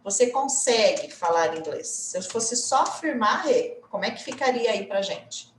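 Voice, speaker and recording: A Brazilian woman, an English teacher, explaining grammar in a lively way with many tag questions. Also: medium pitch, normal speed, roomy sound, distant mic, slight background noise. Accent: Brazilian Portuguese.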